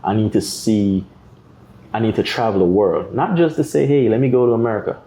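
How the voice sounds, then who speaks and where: Fairly low-pitched and slightly quick, this man has a Jamaican accent. As a guest artist on a podcast, he tells stories with animation and performs other people's voices.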